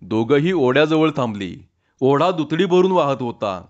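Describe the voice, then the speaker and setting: A man reading a rural short story aloud in a slow, deliberate storytelling manner, with dull lo-fi sound. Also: a little high, very animated.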